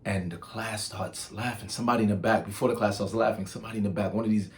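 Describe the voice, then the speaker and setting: Gravelly-voiced man from Nigeria chatting. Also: lowish voice, steady tone, quick pace. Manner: chatty and storytelling, with filler ums and restarts. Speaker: channel host. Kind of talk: casual vlog monologue.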